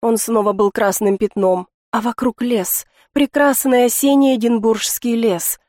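A woman reading a first-person audiobook in a measured, intimate storytelling manner. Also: a little high, steady tone, a little mellow, no room sound, clean studio sound. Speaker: audiobook narrator.

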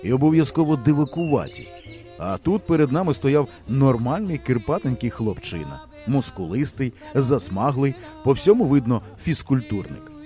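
A man narrating an audiobook in an expressive, humorous storytelling manner. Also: medium pitch, normal speed, faint music behind. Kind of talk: scripted narration.

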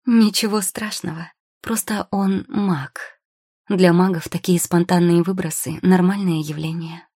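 Storybook: woman as a patient young witch-shopkeeper, low, husky and dry. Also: steady tone, a little slow, mellow, dry recording. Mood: practical. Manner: patient, soothing and practical. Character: calm, quick-witted young potion-maker girl.

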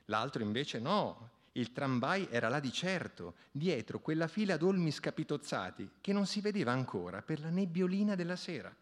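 Expressive male radio storyteller. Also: on the high side, moderate pace, hardly any pauses. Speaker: radio reader. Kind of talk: literary reading.

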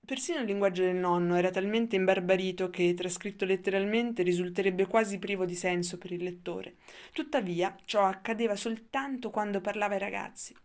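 A woman narrating a novel in a measured, steady audiobook reading. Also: medium pitch. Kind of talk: scripted literary narration.

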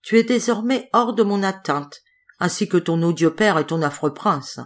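A woman voicing a spiteful grey mouse, a cursed wicked fairy, with a small high voice, for an audiobook fairy tale. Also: animated, normal speed. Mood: gloating.

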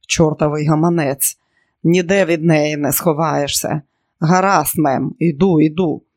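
A man's voice: on the high side, steady tone, unhurried, no room sound. A man reading an audiobook, voicing a coarse, drunken boardinghouse manager of about thirty. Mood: grumbling. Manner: coarse, rude, shouting.

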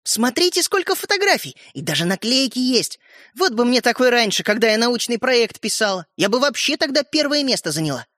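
A woman voicing a bossy know-it-all schoolgirl sister in an audiobook, shrill and mocking. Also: big pitch swings, normal speed, fairly bright tone, dry recording. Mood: eager. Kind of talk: audiobook character voice. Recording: dry close recording.

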